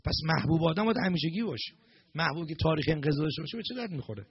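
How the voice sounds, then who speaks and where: A man giving a storytelling sermon as a preacher, animated and acting out the characters' lines in dialogue. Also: fairly high pitch, breathy edge, dull audio.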